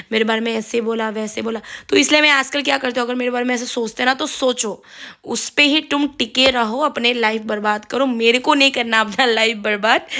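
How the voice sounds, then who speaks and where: Young adult woman, slightly raised pitch, frank and repetitive, chatting to camera while cooking. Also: bright, forceful tone. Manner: frank, advice-giving, repetitive phrasing. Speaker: vlogger. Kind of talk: casual monologue to camera.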